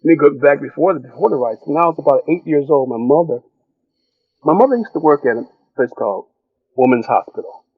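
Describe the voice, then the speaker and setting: An older man from Detroit, a guest who reflects on his upbringing in an unhurried, storytelling way, with frequent chuckles. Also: on the high side, expressive, dry recording, narrow, tinny audio. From Detroit, USA. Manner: reflective storyteller, chuckles often, restarts phrases. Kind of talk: relaxed career interview.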